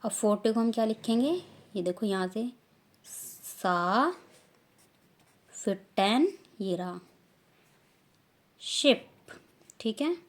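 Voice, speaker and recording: A woman from India with an Indian accent, teaching a beginner language lesson, saying each word slowly and loudly and repeating it. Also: mid-range voice.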